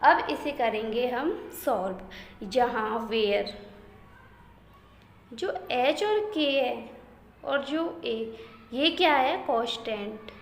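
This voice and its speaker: A woman's voice: a little high, expressive. A woman teaching math step by step, often asking the class a question and checking they follow. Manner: slow, step-by-step, repeated questions and "theek hai" checks. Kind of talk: blackboard math lesson in Hindi-English mix. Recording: echoey room with faint ambient noise.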